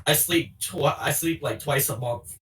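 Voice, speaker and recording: A man's voice: a little high, measured pace, fairly bright tone. A man in a casual podcast chat, rambling and poking fun at himself. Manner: rambling, self-deprecating. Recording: distant from the mic.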